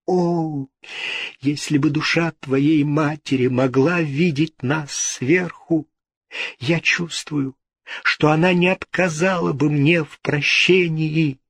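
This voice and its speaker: A man's voice: fairly high pitch, fairly even intonation, slow, a bit bright, dry recording, voice pushed up, exaggerated voice. A man voicing a stern, grieving old father, an astrologer, who speaks firmly and solemnly in a storybook reading. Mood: tender hope. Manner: firm, solemn.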